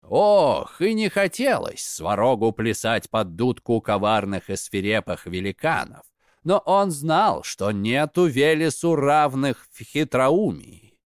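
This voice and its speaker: Slow, expressive male storyteller. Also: mid-range voice, no room sound, clean studio sound. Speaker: narrator. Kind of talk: storybook narration.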